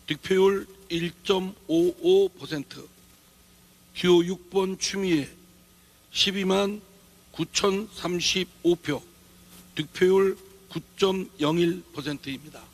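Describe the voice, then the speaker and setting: A man acting as an election official, reading out results in a formal, deliberate, official manner at a convention. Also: high-pitched. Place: political convention stage.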